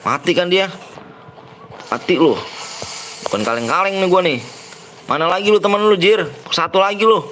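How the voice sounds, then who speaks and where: A young man streams a mobile shooter game live. He talks in a slightly high voice and hurls rowdy slang and taunts at his opponents. A faint hum runs underneath. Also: moderate pace, long pauses, poor audio. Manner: rowdy trash-talking slang, shouting at opponents.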